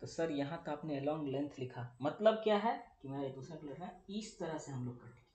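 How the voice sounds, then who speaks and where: A man's voice: fairly high pitch, animated, normal speed, a little mellow. A young male physics teacher, lecturing chattily and answering his own questions for the students. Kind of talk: classroom lecture. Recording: echoey room.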